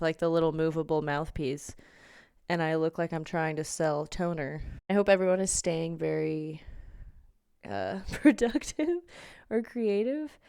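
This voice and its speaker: A woman's voice: low-pitched, creaky, darkish tone, dry recording, clean studio sound. A young woman hosting a casual solo podcast, rambling and sarcastic with lots of "like", at home in her bedroom. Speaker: podcast host.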